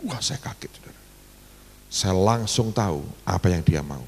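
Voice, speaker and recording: A man's voice: sits low, moderate pace, breathy edge, long reverb tail. A middle-aged male pastor, telling a story in a sermon and calling the congregation "saudara". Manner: animated, addresses congregation as "saudara".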